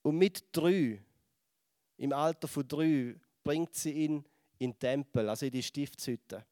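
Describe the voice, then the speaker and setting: A man with a Swiss German accent preaching a sermon, telling a Bible story in lively fashion and dropping to a hush at moments. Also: fairly high pitch, measured pace, no echo, studio quality. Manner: lively storytelling, acts out voices and drops to a hush.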